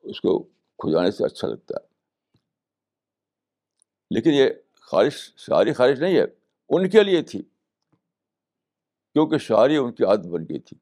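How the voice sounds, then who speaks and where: An older man giving a spiritual lecture in a measured way, repeating phrases for emphasis and mixing in English terms. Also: medium pitch, sing-song, warm tone. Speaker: Islamic scholar giving a talk.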